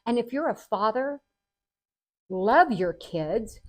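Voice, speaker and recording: A woman's voice: fairly high pitch, lively intonation, slow. A woman vlogging, telling family stories to camera in a chatty, earnest way and laughing often. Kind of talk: casual storytelling to camera.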